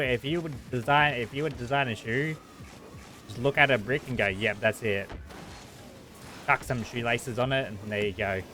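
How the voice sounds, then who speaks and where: Bright-voiced Australian man, sweary slang. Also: mid-range voice, slight background noise. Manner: blunt, sweary Aussie street slang. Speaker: livestreamer. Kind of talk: casual livestream chat with viewers.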